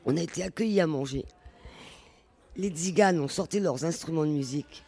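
A woman's voice: sits low, brisk, dark tone, breathy edge. A woman speaks at a public roundtable in a community venue, recalling her street work in an earnest, searching way. She restarts her sentences often as she builds the story. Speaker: former street youth worker, panel participant. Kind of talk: live roundtable discussion.

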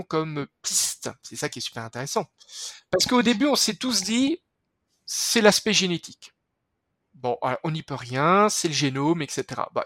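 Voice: mid-range voice, a bit bright, no room sound, studio quality. A podcast guest explaining skincare research in an enthusiastic, chatty way, full of fillers and restarts.

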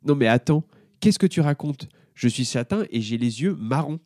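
In a dry, clean studio recording, a man performs a puzzled young schoolboy from a children's story, hesitating and stammering in confusion. His mid-range, darkish voice is expressive and moderately paced, pitched a little above his own and close to an everyday voice.

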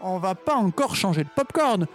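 An excitable, high-voiced male host. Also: moderate pace, faint music behind. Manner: excitable, animated exclamations. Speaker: comedy show host. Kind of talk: comic sketch banter.

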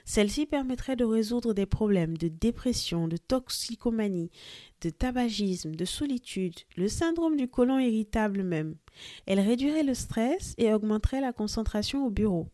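A woman hosting a podcast, reviewing a book in a lively, friendly scripted delivery and speaking directly to her listeners. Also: a little high, normal speed, dry recording, studio quality. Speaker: podcast host.

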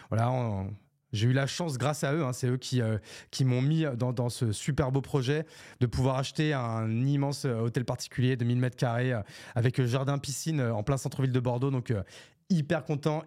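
Recorded on a podcast mic in Bordeaux, France, this solo podcast host has a medium-pitched voice with a somewhat dark tone. His talk is off the cuff and meandering, packed with fillers, false starts and English business jargon.

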